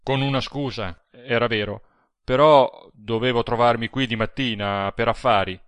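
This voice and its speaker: A man reading an audiobook, voicing a burly, brooding man who speaks in a rough, tense tone. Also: mid-range voice, steady tone, moderate pace, dry recording, close to an everyday voice. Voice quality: rough, dark tone.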